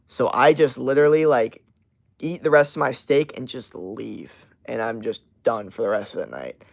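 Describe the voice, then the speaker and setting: A man in his twenties hosts a livestream story time, telling a tale in a profane, emphatic, rambling way. His voice is medium-pitched with vocal fry, at a normal speed.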